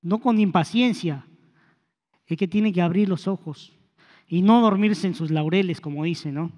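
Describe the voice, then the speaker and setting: A man's voice: high voice, a little slow, darkish tone. A man preaching a sermon in a conversational way, with hesitant restarts and rhetorical questions. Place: church hall. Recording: long hall reverb.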